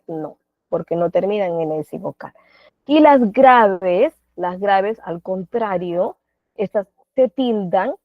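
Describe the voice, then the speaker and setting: A woman's voice: mid-range voice, no room sound. A Peruvian woman teaching an online class, patient, often asking the class questions and adding tag questions. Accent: Peruvian Spanish. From Peru. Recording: dry, phone-like audio.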